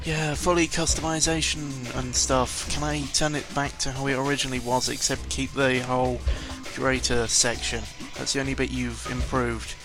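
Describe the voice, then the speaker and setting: Over music, a gaming vlogger speaks at a normal speed with few pauses, his medium-pitched voice level in tone. He rambles hesitantly in a casual audio log, grumbling opinionatedly, giving blunt takes, and swearing a little.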